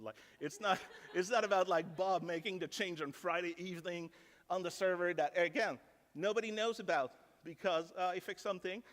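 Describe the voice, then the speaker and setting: High-pitched and a bit bright, this French-speaking man from Canada delivers a laid-back technical talk, joking at his own expense and saying "like" a lot. He's in a large conference ballroom, and the recording carries its reverb.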